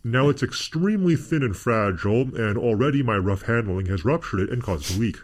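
A man's voice run through a voice changer, narrating a how-to video. His delivery is scripted and upbeat, with a pitch that swings a lot around a middling register. It sounds like a polished online explainer. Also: expressive, a little fast.

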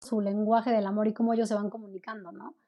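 A woman's voice: mid-range voice, little pitch movement, quick pace, soft background music. A woman, a parenting coach speaking conversationally, explaining and often adding "¿no?". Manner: warm explanatory, frequent "¿no?" tags. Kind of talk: conversational interview.

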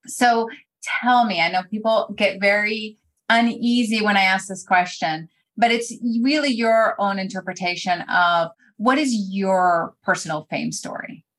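A woman's voice: mid-range voice, a bit bright. Woman host asking questions, upbeat encouraging tone, mid-range voice. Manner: encouraging, affirming. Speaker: podcast host. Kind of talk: interview hosting.

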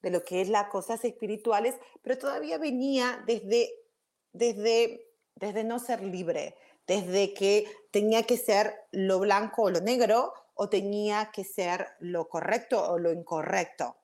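A woman's voice: medium pitch, a little slow, a little mellow. Chatty woman teaching a spiritual class. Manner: chatty, checks in with frequent 'ok?'; drops English words in Spanish talk. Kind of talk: informal spiritual talk to viewers.

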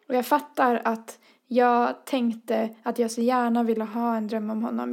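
A woman's voice: on the high side, creaky, darkish tone. A woman in her twenties telling a personal story in a chatty way, full of fillers and acted-out dialogue. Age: 20s. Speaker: podcast co-host. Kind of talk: casual storytelling.

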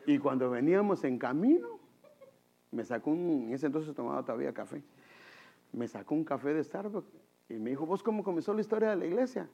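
Man, preacher, husky gravelly voice, lively pitch swings. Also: brisk, dull audio. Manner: animated, addresses the congregation as brother. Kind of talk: sermon with storytelling.

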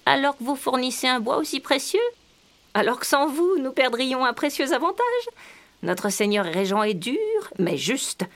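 A man performs a quick-witted young woman, indignant and persuasive. The voice leaps high and swings widely in pitch. A storybook scene. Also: very animated, fairly bright tone, heavily acted. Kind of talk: storybook voice acting.

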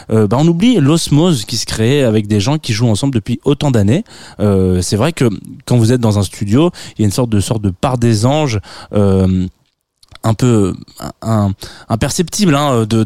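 A man's voice: medium pitch, warm tone, dry recording. A man from France giving a chatty, playful radio music column, rambling a little with frequent hesitations, recorded in a radio studio.

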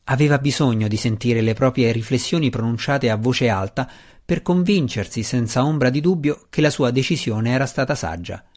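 A man's voice: mid-range voice, normal speed, hardly any pauses, a little mellow. Man narrating a fantasy audiobook.

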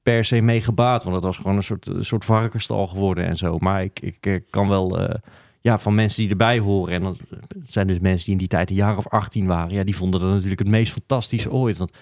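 A man's voice: sits low, fairly even intonation, quick pace, darkish tone, dry recording, studio quality. A man with a broad Utrecht Dutch accent, chatting and telling stories in a wry, colloquial way as a podcast panelist. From Utrecht, Netherlands. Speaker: podcast panelist on football history. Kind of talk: casual chat, storytelling.

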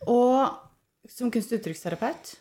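A woman's voice: a little high, animated, mellow. A Norwegian woman in her sixties, a podcast guest speaking in casual chat, earnest and reflective and often laughing. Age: 60s.

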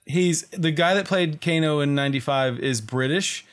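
A man co-hosting a podcast in casual chat, rambling and halting as he searches for words. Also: on the high side. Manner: rambling, halting, with many restarts and fillers. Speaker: podcast co-host.

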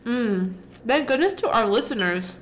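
A woman's voice: a little high, animated, moderate pace, a little hiss or hum. A woman co-hosting a podcast, chatting casually and gushing with enthusiasm over food. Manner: warmly enthusiastic, gushing praise. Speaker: podcast co-host. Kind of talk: casual chat while tasting food.

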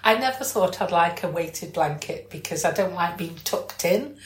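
A woman hosting a podcast chats casually and informally, often searching for words. Her voice is on the low side and animated, at a normal speed. The recording has an echoey room sound.

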